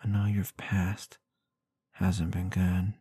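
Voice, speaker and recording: A man playing a tender, protective, gently dominant boyfriend in an intimate ASMR role-play, murmuring breathy, husky reassurance with soft hums, close to the microphone. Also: deep voice, flat delivery, slow pace, dry recording, heavily acted. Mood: protective, reassuring. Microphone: close microphone in a dry space.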